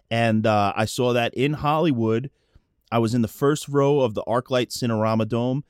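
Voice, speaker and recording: A man co-hosting a podcast in casual chat, an animated storyteller who acts out the people he quotes. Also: medium pitch, clean tone, dry recording, clean studio sound. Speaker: podcast co-host.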